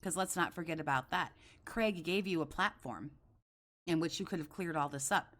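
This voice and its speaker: A woman delivers reaction commentary in a slightly low voice. She is blunt and sarcastic, scolding her subject and swearing freely as she makes her case. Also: moderate pace, fairly bright tone.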